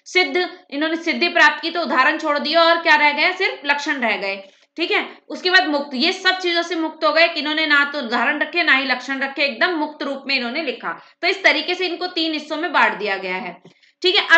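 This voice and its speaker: A woman teacher rattles through an exam-prep lecture at speed, often checking in with "theek hai". Her voice sits high and sounds bright and sharp. The room gives it a noticeable echo. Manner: fast-talking, brisk.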